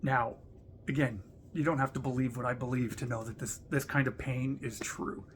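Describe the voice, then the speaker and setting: A man's voice: mid-range voice, steady tone, normal speed, a little hiss or hum. Earnest man reflecting in a vlog. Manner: earnest, conversational, frequent "like" and "right?"; reads verses aloud with emphasis. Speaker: leader sharing personal reflections. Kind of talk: casual reflective vlog talk with scripture reading.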